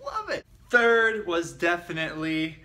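A man's voice: fairly high pitch, lively intonation, measured pace, bright, forceful tone. A young man chatting upbeat and playful into a handheld camera as he travels. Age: young adult. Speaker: vlogger. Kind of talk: casual travel vlog. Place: airports, plane, car, hotel room. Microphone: handheld camera at arm's length.

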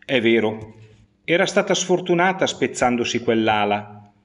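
A man narrating a children's fairy tale, expressive, with rising swells and slowed emphasis. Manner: expressive storytelling with pitch swings and slowed emphasis. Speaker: storyteller.

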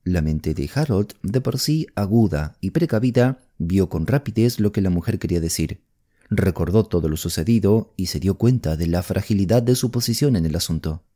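A male audiobook narrator telling a mystery story with expressive delivery. His voice sits low and sounds mellow. His intonation moves a great deal. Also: moderate pace.

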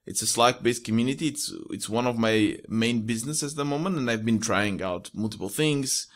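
A young adult man with a Portuguese accent and a mid-range voice talks fairly quickly as a guest on a podcast. An indie entrepreneur, he chats casually in an interview from a small room at home, close to a studio mic with a pop filter.

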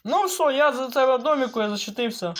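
A man giving casual gameplay commentary, excitable and cursing, yelling at the creatures in his game. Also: very high voice, quick pace. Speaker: let's play gamer.

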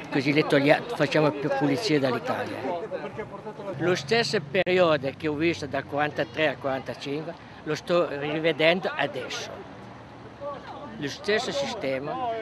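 A very old man, speaking indignantly and haltingly in a street interview. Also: on the high side. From Val di Susa, Piedmont, Italy. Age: 80s, elderly. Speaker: local resident and protester being interviewed. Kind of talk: street interview, spontaneous opinion. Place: outdoors at a mountain roadside car park. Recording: outdoor recording with busy crowd and traffic.

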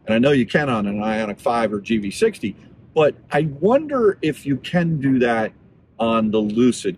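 Medium in pitch and a little mellow, this man's voice carries a faint hiss or hum. He's a vlogger reviewing electric cars, chatting loosely from his car and thinking aloud while driving and charging.

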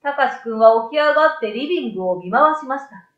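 Sitting in a small room with a desktop condenser microphone, a middle-aged woman narrates a scripted children's story at a quick pace. Her high voice is expressive, and the sound is roomy and slightly dull.

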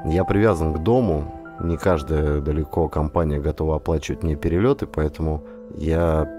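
With music in the background, a man speaks in a very deep, steady voice at normal speed. He is a professional actor and audiobook narrator whose dramatic storyteller delivery covers scripted narration followed by talking directly to listeners.

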